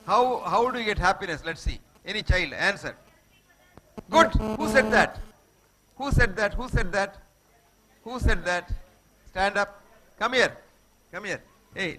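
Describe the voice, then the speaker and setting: Speaking to schoolchildren as a guest, this high-pitched man with a Telugu Indian accent delivers an emphatic motivational talk on a low-quality recording. He keeps returning to short maxims and makes sure his young listeners are following along.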